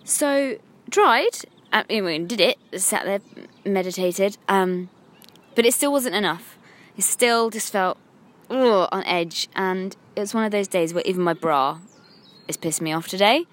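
A woman in her thirties with an English accent, talking candidly to camera from a parked car, rambling and self-critical. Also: unhurried. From England. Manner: frank, rambling and self-critical, with lively swings in pitch. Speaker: vlogger. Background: passing cars.

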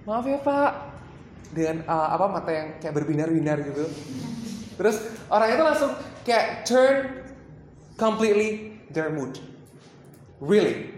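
Brief: chatty trainer at mid pitch, workshop talk with English slipped in, roomy echo. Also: lively intonation, measured pace, long pauses, a little mellow, slight background noise. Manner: chatty, mixes in English phrases, many fillers. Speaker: workshop presenter. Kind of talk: casual training talk to a live group.

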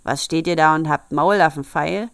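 A woman's voice: mid-range voice, expressive, normal speed, dry recording, studio quality, pitched above the performer's own voice, close to an everyday voice. A woman voicing a bad-tempered, grumbling male dwarf who screeches and scolds in a storybook reading. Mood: scolding.

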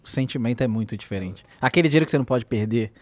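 A man's voice: mid-range voice, very fast, no room sound. Brazilian man, dry close sound. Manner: casual, says "mano" and "né". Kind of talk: casual podcast conversation.

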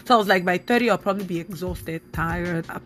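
Woman, 30s, solo podcast host; casual and animated, lower voice, faint music underneath. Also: fast. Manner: chatty, animated, with many fillers.

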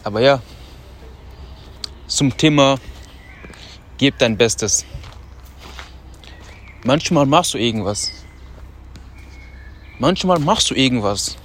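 Out on a city street, a male podcast host gives a casual, motivational monologue, deliberately loud and loosely self-talking, with slangy asides. His medium-pitched voice has lively intonation, moves slowly with frequent pauses, and carries a little hiss or hum.

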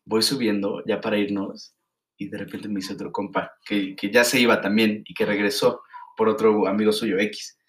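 A young man with a Mexican Spanish accent, co-hosting a casual chat and telling stories in an animated, slangy way. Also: lowish voice, normal speed. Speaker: podcast co-host.

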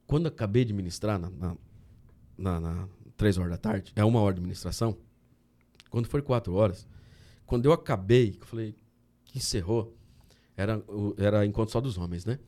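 A man from Brazil, a guest on a podcast, telling a personal story in a casual, animated way and often saying "cara". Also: lowish voice, fairly quick, pauses often. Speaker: podcast guest, candy entrepreneur.

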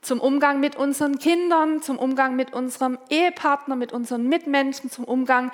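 A woman's voice: high voice, a little fast, long reverb tail. A woman pastor preaching a sermon in a conversational way, asking her listeners direct questions and voicing the prayers they might say.

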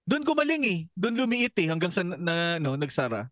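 A young man with a high voice tells childhood stories in a casual podcast chat. He is animated, laughs at his own tales and swears freely. The sound is close and dry. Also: fairly quick, no echo. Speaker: podcast co-host.

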